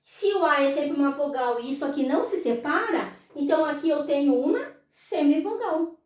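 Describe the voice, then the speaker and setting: A woman teacher with a Brazilian Portuguese accent, explaining slowly, drawing words out and answering her own questions. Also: high voice, animated. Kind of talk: slow explanatory lesson. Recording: very echoey room, voice far from mic.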